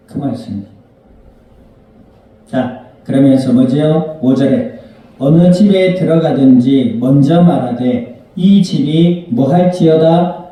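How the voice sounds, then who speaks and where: A male pastor with a somewhat high, dark and mellow voice delivers a conversational sermon. He quizzes the congregation and acts out small scenes in the middle of his preaching. He sounds a little distant from the mic in a strongly echoing church sanctuary.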